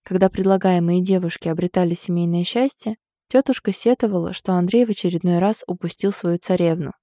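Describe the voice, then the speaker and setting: A woman narrates an audiobook in an even, steady storytelling manner. Her voice is low-pitched and mellow, recorded close and dry with no room sound. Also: no echo.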